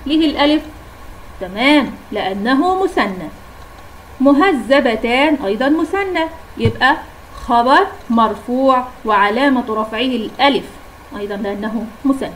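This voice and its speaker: High-voiced Egyptian woman teaching grammar. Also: expressive, slight background noise, low-quality recording. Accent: Egyptian Arabic. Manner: asks questions then answers them, repeats examples slowly. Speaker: primary school Arabic teacher. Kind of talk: classroom grammar lesson.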